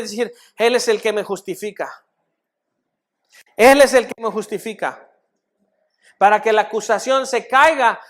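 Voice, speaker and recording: A man with a Mexican Spanish accent, pastor of a church, preaching a sermon and putting many questions to the congregation. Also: very high voice. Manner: preaching, rising loud then dropping to soft. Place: church sanctuary.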